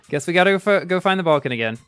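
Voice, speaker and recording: Male live streamer, bright animated voice, casual running commentary over faint music. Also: high-pitched, quick pace, clear, resonant tone, no room sound. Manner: chatty, reacts aloud to the game, many restarts. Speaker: game streamer.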